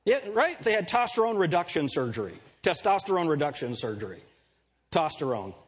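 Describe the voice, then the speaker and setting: A man's voice: on the high side, brisk, husky. A middle-aged man preaching a sermon, joking and asking the congregation questions, with a light, nasal voice. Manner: jokey, animated preaching with rhetorical questions. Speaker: pastor.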